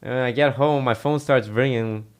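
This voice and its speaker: A young man on a podcast telling a story in a relaxed, rambling way, full of fillers. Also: mid-range voice, normal speed, clear, resonant tone. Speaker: podcast co-host. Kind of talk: casual storytelling.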